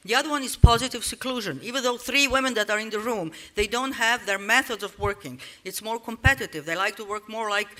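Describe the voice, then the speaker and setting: Woman speaker, bright and forceful, loose and digressive delivery. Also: mid-range voice. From Serbia. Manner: rambling, with many restarts and "you know" asides. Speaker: speaker at a conference panel. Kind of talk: informal conference talk.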